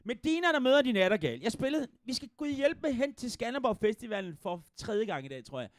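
A musician with a Jutlandic Danish accent hosts a livestream concert, filling the gaps between songs with rambling, playful, joking banter and swearing freely. His voice is extremely high with big pitch swings, and the sound is clean studio quality with no echo.

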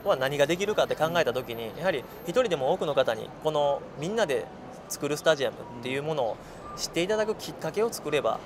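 A man in his thirties, a former player now company director, answering politely and in measured terms on a cafe terrace. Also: on the high side, expressive, music in the background. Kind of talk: interview answer. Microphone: lapel mic. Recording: noisy terrace behind.

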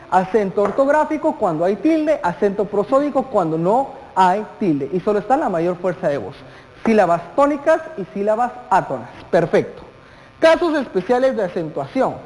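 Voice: mid-range voice, big pitch swings, moderate pace, a little mellow. A teacher giving a televised classroom lesson, speaking straight to the students, posing questions and stretching out key words. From Guatemala. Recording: long hall reverb.

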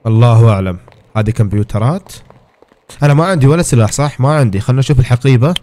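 A man's voice: mid-range voice, lively intonation, rapid-fire, dark tone. A man giving casual, exclamatory commentary as he plays a game and talks to his viewers. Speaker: gaming streamer.

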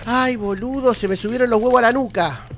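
A man's voice: very high voice, a little fast, noisy background. A young man with an Argentine accent and a bad cold, commenting on a horror game and swearing a lot, with sudden screams at every scare. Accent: Argentine Spanish. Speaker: gameplay streamer.

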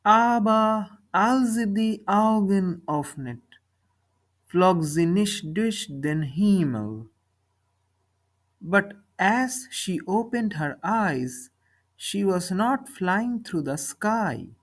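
A woman reading a children's story slowly, speaking each line and then its translation. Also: mid-range voice, expressive. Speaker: narrator of a bilingual story. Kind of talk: slow storybook reading in German and English.

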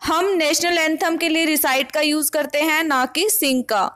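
A woman giving a vocabulary lesson, reading each word and its meaning one by one with clear pronunciation. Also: high-pitched, little pitch movement, normal speed, fairly bright tone, rough recording. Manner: reads word pairs one by one, clearly pronounced. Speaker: English vocabulary teacher.

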